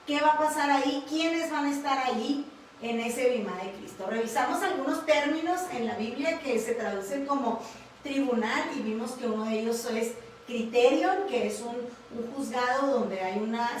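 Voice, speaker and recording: A woman's voice: a little high, a little hiss or hum. A woman with a Mexican accent teaching a livestreamed Bible class, often adding tag questions and fillers. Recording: very echoey room, mic far off.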